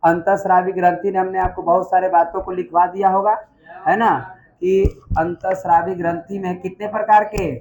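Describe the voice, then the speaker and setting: A man's voice: sits high, level tone, normal speed, a little mellow, low-quality recording. A man teaching a biology class, quizzing students and repeating key terms in a call-and-response style.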